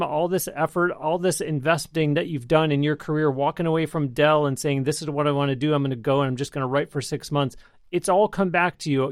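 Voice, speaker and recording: A man's voice: on the high side, no echo, clean studio sound. A man hosting a podcast interview, reflective and prone to long vivid wrap-ups. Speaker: interview host.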